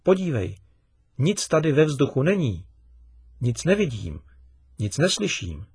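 A man voicing a patient father who gently questions his son in a storybook reading. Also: mid-range voice, big pitch swings, husky, dry recording, studio quality, pitched above the performer's own voice, exaggerated voice. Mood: questioning. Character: patient, gently teasing middle-aged father.

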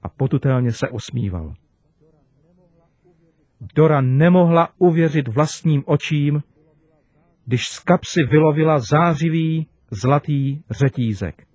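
A man preaching to children, telling a story gently and expressively. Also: fairly high pitch, long pauses, no echo.

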